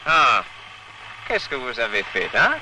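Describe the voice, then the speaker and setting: A man's voice: mid-range voice, big pitch swings, slow. A man instructing racing students bluntly, scolding mistakes, on a 1960s report. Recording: old 1960s film sound, noisy.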